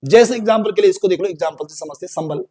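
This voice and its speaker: High-voiced Hindi teacher repeating points. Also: male voice, racing, warm tone, slightly rough. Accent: Uttarakhand Hindi. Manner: repeats key phrases, asks and answers own questions; addresses learners as "bhai" and "ji". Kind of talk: classroom grammar lesson.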